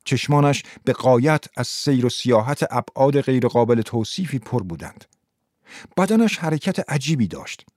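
Man, story narrator, measured literary reading, dry close recording. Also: medium pitch, expressive, a little mellow, no echo.

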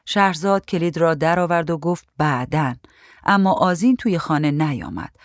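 A woman reading a story aloud in a calm, even voice. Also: lowish voice, no echo, studio quality. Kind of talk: storybook narration.

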